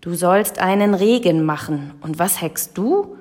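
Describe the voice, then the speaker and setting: A woman's voice: on the low side, animated, a little slow, darkish tone. Abraxas, a grumpy raven, voiced by a woman. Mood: scolding. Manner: scolding, croaking. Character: grumpy scolding male raven.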